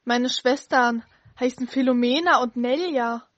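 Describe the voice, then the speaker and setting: A man's voice: very high-pitched, a little slow, a bit bright, muffled recording, voice pushed up. A man voicing a frightened young orphan girl who stammers and pleads anxiously in an audio story.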